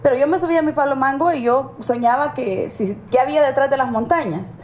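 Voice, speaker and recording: A woman's voice: sits high, fast talker. Salvadoran woman telling her story, roomy. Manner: storytelling, reflective. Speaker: guest author. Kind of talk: casual interview. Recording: roomy with faint noise.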